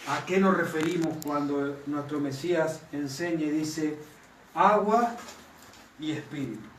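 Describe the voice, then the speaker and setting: Preacher in an echoey room. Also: male voice, on the high side, a little slow, slight background noise. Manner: asks the congregation for constant confirmation. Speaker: pastor. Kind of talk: sermon. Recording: echoey room, mic at a distance.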